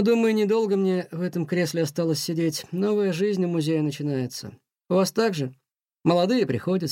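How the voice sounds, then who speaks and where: Storybook role: man playing a sighing, gentle old museum director, darker tone. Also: on the high side, no room sound, studio quality. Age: older. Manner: sighing, soft-spoken, talks kindly to a mouse. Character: weary aging male museum director, gentle and sad.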